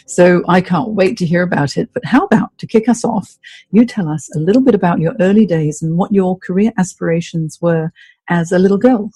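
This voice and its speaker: A woman hosts an interview podcast. She has a low, husky voice with a warm, mellow tone. She talks with effusive admiration for her guest, asking open questions. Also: fairly quick, no echo. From Hong Kong. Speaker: host.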